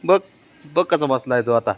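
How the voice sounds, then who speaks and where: A man's voice: medium pitch, normal speed. A man talking casually to his pet cat, coaxing it with short repeated calls.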